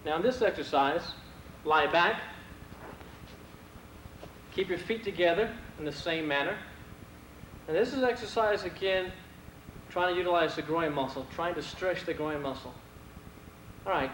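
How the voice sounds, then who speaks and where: A man leading stretching exercises with calm, steady commands and counted reps, heard from a worn VHS tape copy. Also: high voice, normal speed, pauses often, echoey room, a little hiss or hum, rough recording. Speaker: martial arts instructor.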